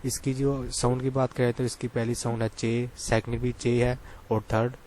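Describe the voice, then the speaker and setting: Patient man teaching, steady voice. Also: medium pitch, a little hiss or hum. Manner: patient, repeats key points and quizzes listeners. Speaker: Korean language teacher. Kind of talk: explaining lesson.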